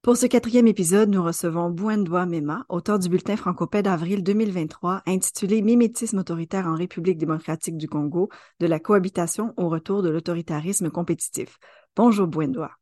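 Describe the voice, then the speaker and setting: Low-voiced woman hosting a podcast. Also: fairly quick, mellow, no echo. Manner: formal, welcoming. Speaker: podcast host.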